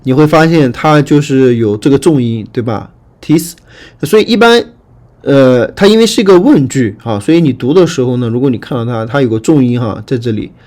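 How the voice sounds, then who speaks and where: A man teaching Greek grammar in a lecture, patient and repetitive, often checking that students follow and reading word forms aloud slowly. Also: medium pitch, expressive, a little mellow. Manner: patient, repetitive, frequent fillers and checking questions. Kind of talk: online lecture explaining grammar.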